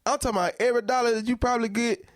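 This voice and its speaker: A man hosting a comedy podcast, reacting to news clips with loud, incredulous, profane commentary. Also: extremely high pitch, fairly even intonation, racing, dry recording, clean studio sound. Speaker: podcast host.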